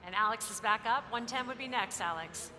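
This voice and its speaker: High, bright woman auctioneer calling bids. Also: a little fast. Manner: auctioneer's repetitive calling of figures, courteous. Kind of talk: live auction bid calling. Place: large auction hall. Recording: echoey hall with background noise.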